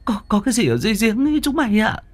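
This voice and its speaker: A man's voice: very high-pitched, very animated, measured pace, voice pushed up, exaggerated voice. A man voicing a panicky, spiteful mistress of the house who shrieks and stammers in terror, in a spoken ghost story. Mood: terrified. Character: panicky, spiteful middle-aged mistress woman. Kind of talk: storytelling with voiced characters.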